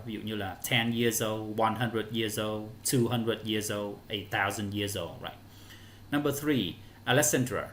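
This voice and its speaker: A man's voice: on the low side, a bit bright, slight background noise. A male English teacher, explaining answers step by step to children in an online lesson.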